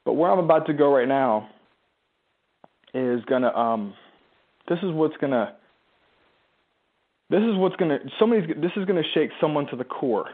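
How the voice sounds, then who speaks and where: A man's voice: fairly high pitch, animated, moderate pace, pauses often. A man giving an emphatic, conversational motivational talk as a business coach, firing rhetorical questions at his listeners and mimicking their objections. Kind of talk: motivational live talk to followers. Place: a room at home, seated in a chair. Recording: tinny phone-like line.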